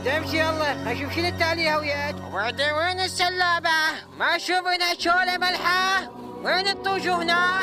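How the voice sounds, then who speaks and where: A man playing a brisk, questioning village visitor with an Iraqi Arabic accent in comic dialogue. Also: extremely high pitch. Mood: impatient. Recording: music behind the voice.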